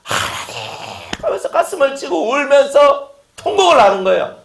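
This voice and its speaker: A man's voice: high-pitched, a bit bright. A man preaching a sermon, firing off rhetorical questions and acting out quotes. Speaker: pastor. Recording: echoey room.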